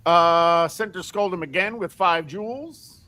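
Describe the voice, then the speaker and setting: A man hosting a sports stream, reading out viewer donations in a halting way with many fillers. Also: high-pitched, pushed and bright. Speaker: podcast host reading donations. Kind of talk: casual live-stream chat.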